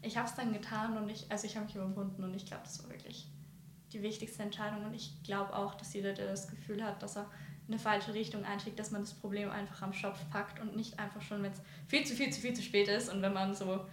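Hesitant flat-voiced woman. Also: medium pitch, brisk, crowd noise. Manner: hesitant, searching for words, sincere. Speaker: interview guest sharing her story. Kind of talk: personal interview talk. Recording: roomy echo, faint background noise.

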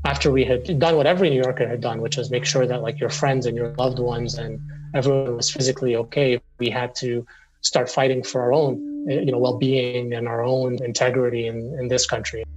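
A Syrian lawyer in his forties, raised in the Middle East, speaks earnestly in an interview, often restarting and repeating himself. His medium-pitched voice is flat and a little fast, and the audio quality is poor.

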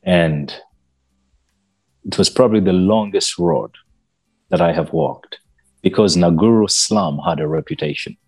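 A man from Uganda recounts his childhood as a guest. His voice sits very low and carries a husky edge. He speaks slowly and earnestly. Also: darkish tone, faint music behind. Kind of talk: personal storytelling in an interview.

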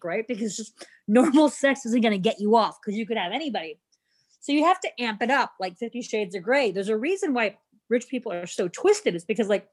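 Chatty, rambling woman guest. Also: a little high. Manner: chatty, rambling, laughs easily. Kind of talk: casual podcast chat.

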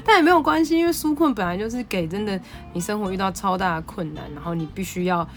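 A woman with a Taiwanese Mandarin accent hosting a podcast, telling a story in an animated, excitable way. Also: fairly low pitch, fast talker, soft background music. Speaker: podcast host. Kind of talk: casual storytelling monologue.

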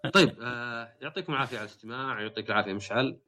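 A man hosts a casual podcast chat and tells his stories with animation. He speaks very fast, in a bright and forceful voice. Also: medium pitch. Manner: animated storytelling. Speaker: podcast host.

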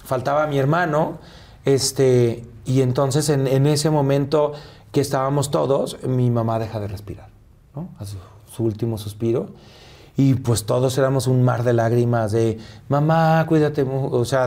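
A man, an interview guest, telling a personal story in a soft, halting way with many pauses and fillers. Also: medium pitch, steady tone.

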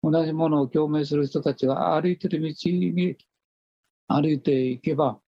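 Hoarse, gravelly older man giving life advice. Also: fairly high pitch, fairly even intonation, moderate pace, no room sound, lo-fi sound. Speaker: teacher and author, podcast guest speaker. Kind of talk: conversational spiritual life advice.

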